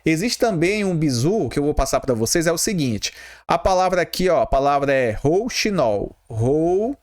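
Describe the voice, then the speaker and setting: A man teaching an exam-prep grammar lesson, often slowing down to spell out letters and checking in with a quick question. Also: on the high side, expressive. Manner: spells out letters slowly, repeats "tá bom?" and "ó".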